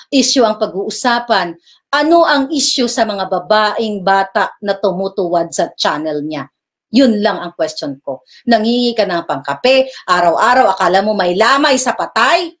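A woman hosting a live stream, mocking and heated, swinging between loud outbursts and low asides. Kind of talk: combative live-stream rant.

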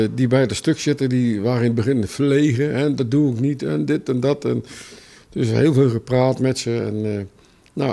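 A man who coaches a youth theater group, telling relaxed anecdotes in an interview. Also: mid-range voice. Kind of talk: interview answers.

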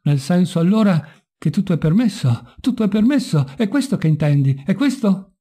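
A man's voice: sits high, sing-song, normal speed, warm tone, breathy edge, voice pushed up, full character voice. A man voicing a devout young man who pleads and questions in distress, in a read-aloud novel. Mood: anguished.

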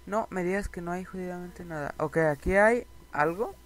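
A young man giving excitable, repetitive commentary over a Minecraft challenge and talking straight to his viewers. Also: sits high, moderate pace. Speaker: gaming youtuber.

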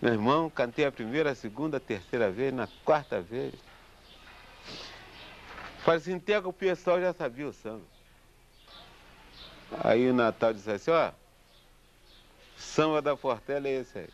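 Brazilian man telling a lively anecdote. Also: medium pitch, normal speed, pauses often, slight background noise. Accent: Brazilian Portuguese. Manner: animated, acts out the people in his story. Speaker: samba composer. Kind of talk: casual storytelling. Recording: dull lo-fi recording with faint guitar.

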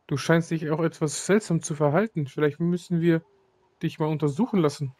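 A man's voice: a little high, steady tone, brisk, a little mellow, no room sound, natural voice. A man reading aloud the lines of a woman who looks after young saurians. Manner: reads game lines aloud, with slips.

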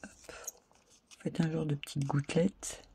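A woman's voice: sits low, flat delivery, normal speed, noisy background. A woman hosting a casual crafting tutorial, chatting and narrating her steps as she works. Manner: chatty, talks while working, many fillers. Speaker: crafting video host.

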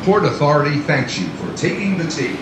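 Man announcing over a train intercom. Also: lively intonation. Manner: formal, polite, measured. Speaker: transit announcer. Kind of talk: recorded public announcement. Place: inside a light rail car. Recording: echoey distant train loudspeaker with rumble. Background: train noise and air conditioning.

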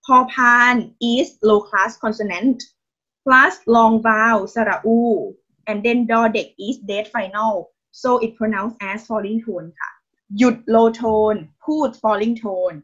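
A woman's voice: medium pitch, fairly even intonation, extremely slow, fairly bright tone, lo-fi sound. A woman with a Thai accent teaching a language class over a video call, patient and encouraging with constant praise and polite particles. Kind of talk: online Thai lesson, mixing Thai and English.

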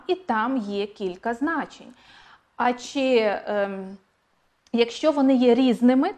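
A woman teacher giving an online exam-prep language lesson, speaking clearly and repeating key points for emphasis. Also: sits high.

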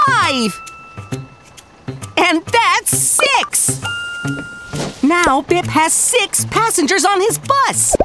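An actor voicing a kindly, patient panda doctor in a children's cartoon, narrating and coaxing viewers with questions. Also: male voice, very high-pitched, heavily acted. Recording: voice over loud background music.

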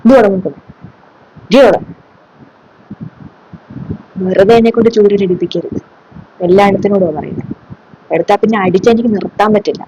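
A woman's voice: medium pitch, normal speed, long pauses, mellow, a little hiss or hum, natural voice, poor audio. A woman playing a strict schoolteacher who lectures and scolds her class sarcastically. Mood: stern. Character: strict scolding female schoolteacher, middle-aged. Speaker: comedy sketch creator. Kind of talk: solo comedy sketch.

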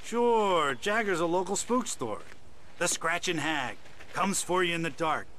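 A folksy small-town local in a video game. His highish voice bobs up and down, informal and plain-spoken, with faint ambient noise behind it. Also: expressive, unhurried, bright, forceful tone. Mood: folksy, wary.

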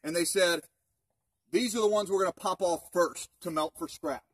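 A park ranger in his thirties talks history with a group outdoors in open woods, keeping it casual and asking plenty of rhetorical questions. His high, fairly bright, husky voice moves at a moderate pace with no room sound, captured by a camera's distant mic a few metres away.

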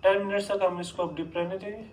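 A man's voice: high-pitched, fairly even intonation, fast, slight background noise, rough recording. A man talking through a home cooking recipe step by step. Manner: plain step-by-step explaining. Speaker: cooking channel host. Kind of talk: cooking tutorial voice-over.

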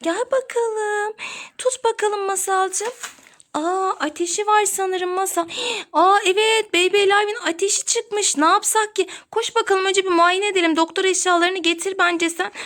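Young woman w a super high voice, sing-song and soothing, playing dolls with her kid. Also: steady tone, moderate pace, a bit bright. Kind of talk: playful pretend play for a children's video.

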